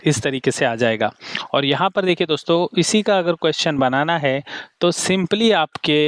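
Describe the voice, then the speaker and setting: A man teaching English grammar in Hindi, calling viewers his friends and reading each English example slowly and carefully. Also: a little high, clean tone, no room sound.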